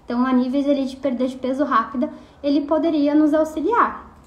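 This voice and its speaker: A woman's voice: high-pitched, fairly even intonation, a little fast, echoey room, lo-fi sound. A young adult woman nutritionist, explaining casually with frequent tag questions and fillers.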